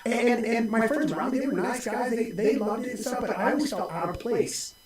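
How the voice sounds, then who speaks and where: A man's voice: very high voice, a little fast, slight background noise. A man in his forties, a pastor, talking reflectively in casual conversation with many restarts. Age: 40s. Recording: very echoey room.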